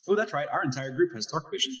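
A man's voice: fairly high pitch, fairly bright tone, recorded from a distance, poor audio. A man plays a tabletop roleplaying game, asking questions and working things out aloud. He sounds set back from the mic. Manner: inquisitive, thinks aloud. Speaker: player. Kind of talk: casual tabletop game play.

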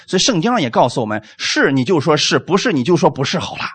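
A man preaching a sermon, animated and full of rhetorical questions, closing his points with "amen". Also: fairly high pitch, quick pace, breathy edge.

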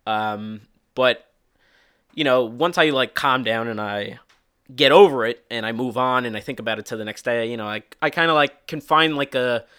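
A young man hosting his own podcast, chatting casually with lots of fillers and restarts, hoarse from a cold. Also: mid-range voice, normal speed, pushed and bright. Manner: rambling, full of fillers and restarts. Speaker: podcast host. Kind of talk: casual solo podcast talk.

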